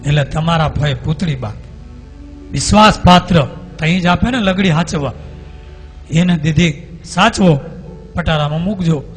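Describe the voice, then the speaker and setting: A man's voice: fairly high pitch, measured pace, pauses often, faint music behind. A man with a Gujarati accent preaching a devotional story sermon, acting out the characters' dialogue as he tells it. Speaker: swami preacher.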